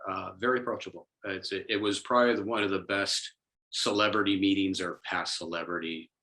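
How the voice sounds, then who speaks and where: Bright, low-voiced storytelling man. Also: brisk, low-quality recording. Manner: storytelling, animated in quoted asides. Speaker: guest. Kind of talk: casual podcast chat.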